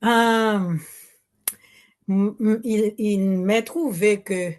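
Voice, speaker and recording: A woman's voice: mid-range voice, steady tone, extremely slow, darkish tone. Older Haitian woman, hesitant at the mic. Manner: hesitant, restarts often, mixes Creole words into French. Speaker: audience member asking a question. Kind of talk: spontaneous remarks at a public Q&A. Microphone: handheld microphone.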